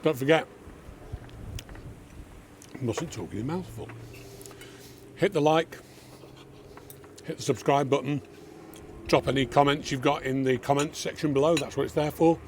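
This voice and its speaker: A man hosting a casual backyard barbecue cooking show, chatting relaxed to viewers. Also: on the high side, moderate pace, pauses often. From New Zealand. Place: backyard outdoors. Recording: outdoor noise with passing vehicles.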